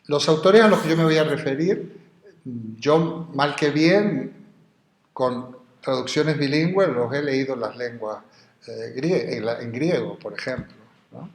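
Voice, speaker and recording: A man gives a university philosophy lecture, wandering into asides as he explains Greek terms. His voice sits at an ordinary middle pitch, and it carries a noticeable room echo the classroom. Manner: digressive, explains Greek terms slowly, spells words out.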